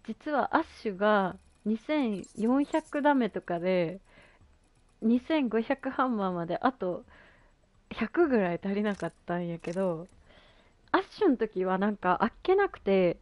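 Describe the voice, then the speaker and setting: While gaming live, a woman streamer chats excitedly in youthful slang and exclamations. Her expressive mid-range voice moves at a normal speed, and the sound is lo-fi without echo.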